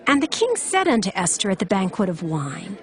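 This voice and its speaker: A woman giving scripted, dramatic Bible narration in a measured storytelling manner. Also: mid-range voice, sing-song. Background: faint music.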